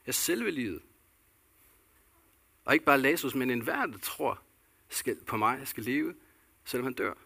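A man's voice: mid-range voice, animated, vocal fry, pauses often, bright, forceful tone, breathy edge. A man delivering a sermon as a pastor, earnest and repetitive, posing questions to the congregation.

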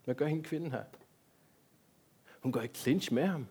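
A man's voice: mid-range voice, a little mellow, slightly rough. A man giving a sermon in a church, talking directly to the congregation and asking them many rhetorical questions. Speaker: pastor.

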